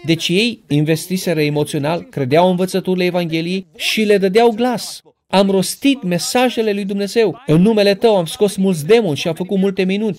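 A man preaching a sermon, speaking directly to his listeners with questions and building to loud, emphatic peaks. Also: high voice. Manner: emphatic, rises to loud passionate peaks when quoting; addresses the congregation directly with questions.

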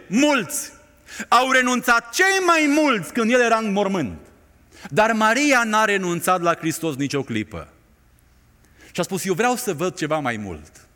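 Male preacher, high animated voice, dramatic sermon delivery, long hall reverb. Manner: impassioned, dramatic rises and hushed drops.

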